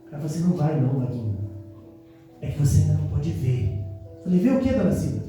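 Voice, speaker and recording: A man's voice: on the high side, big pitch swings, fast, mellow, soft background music. A Brazilian man preaching a sermon, exhorting the congregation in bursts and telling a personal story. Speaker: pastor. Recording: echoey church hall, mic from a distance.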